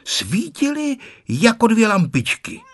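A man narrating a children's story in an expressive storytelling manner. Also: high-pitched, a little hiss or hum. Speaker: audiobook narrator.

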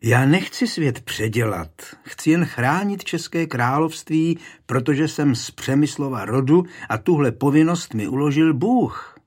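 A man with a husky voice reading the lines of an aging medieval king who is stern but affectionate with his wife. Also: fairly high pitch, animated, few pauses, darkish tone, voice pushed up. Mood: defiant.

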